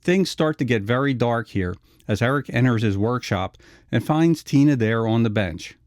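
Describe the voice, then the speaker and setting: A man's voice: medium pitch, lively intonation, moderate pace, a little mellow, no room sound, clean studio sound. A man narrating a scripted retrospective video essay.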